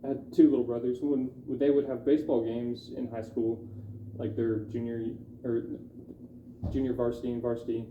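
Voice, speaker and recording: A young man telling his personal testimony in a halting, candid way, with many fillers. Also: mid-range voice, little pitch movement, background noise. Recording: dull echoey room recording.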